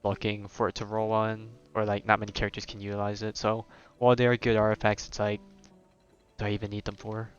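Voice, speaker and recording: A young game livestreamer chats casually and thinks aloud as he commentates on the game he's streaming live, rambling and conversational. His voice is on the low side, monotone and clean, and he talks fast. The mic sounds slightly dull, with game music in the background.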